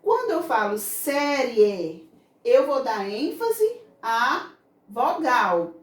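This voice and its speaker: A woman teaching a grammar lesson to children with a Brazilian Portuguese accent, explaining slowly and patiently. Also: on the high side, very animated. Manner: slow, patient explaining, voices children's questions. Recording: echoey room, mic far off.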